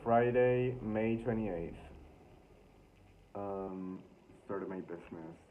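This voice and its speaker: A man's voice: fairly low pitch, takes it slowly. Embarrassed young man reading aloud, tinny noisy recording. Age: young adult, early twenties. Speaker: vlogger. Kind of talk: casual vlog, reading own diary aloud with asides. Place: small room indoors. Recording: thin phone-like sound with loud noise.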